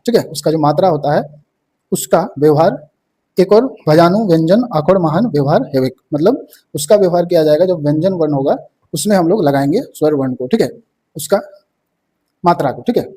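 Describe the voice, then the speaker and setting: A man's voice: on the high side, animated, fairly quick, dark tone, husky. A young man from teaching an exam-prep lesson, explaining each term and saying "ठीक है" again and again.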